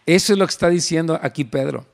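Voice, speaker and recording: Man, preacher, high-pitched, chatty storytelling sermon. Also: quick pace, creaky. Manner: conversational storytelling, addresses listeners as brothers. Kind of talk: sermon, Bible teaching.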